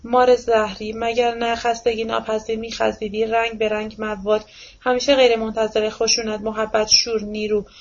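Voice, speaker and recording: A woman's voice: a little high, highs cut off, lightly acted. A woman doing a theatrical older man raging. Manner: declamatory, accusing outbursts.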